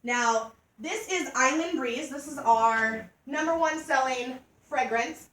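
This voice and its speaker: A woman giving a joking, animated sales demonstration to a group of women. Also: high-pitched, slow pace, slight background noise. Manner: chatty, joking, animated storytelling. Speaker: party product consultant. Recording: echoey room from far off.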